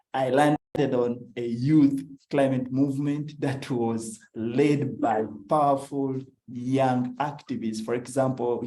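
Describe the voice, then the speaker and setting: A man's voice: mid-range voice, warm tone, echoey room, poor audio. A young Ugandan man, a climate activist, telling his own story earnestly over a video call, with an Ugandan English accent. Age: young adult. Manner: earnest, storytelling, with frequent uhs. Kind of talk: personal talk on a video call. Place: at home.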